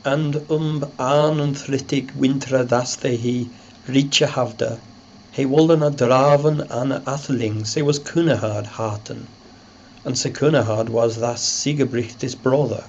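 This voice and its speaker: A man reading an Old English chronicle aloud in a measured, scholarly recitation. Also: mid-range voice, steady tone. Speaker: reader and narrator. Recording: muffled lo-fi recording with loud background noise.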